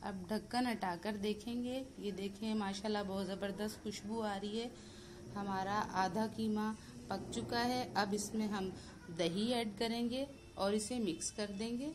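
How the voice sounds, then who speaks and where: A woman with a Pakistani Urdu accent, hosting a cooking channel, calmly talking through each step of a recipe in a voice-over. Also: mid-range voice, measured pace, noisy background. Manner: steady step-by-step instructions mixed with English words.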